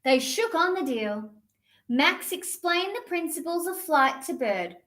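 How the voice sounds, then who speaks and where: A woman with a very high voice presents children's storytime, reading picture books aloud to young children with expressive, deliberate delivery.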